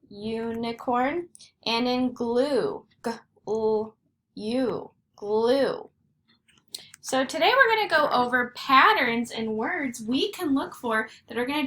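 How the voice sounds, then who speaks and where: Woman, first grade teacher, phonics lesson, very slow deliberate speech, drawn-out letter sounds, echoey room. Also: on the high side, sharp tone. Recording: echoey room with faint noise.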